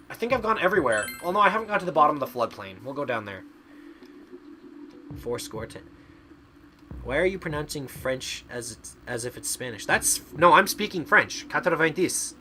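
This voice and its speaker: A man from Canada streams a game live and chats as he plays. His voice is bright and forward, and his pitch swings widely. He keeps reading his chat aloud and bantering with it. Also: slight background noise. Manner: chatty, reads chat aloud and argues playfully.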